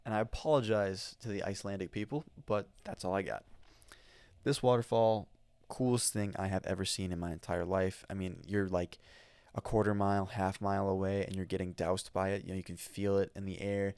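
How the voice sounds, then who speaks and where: Laid-back American man, low and dry. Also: fairly even intonation, fairly quick, a little mellow, clean tone, dry recording. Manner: rambling, casual, lots of fillers and restarts. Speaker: podcast host. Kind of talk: solo travel podcast monologue. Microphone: studio microphone.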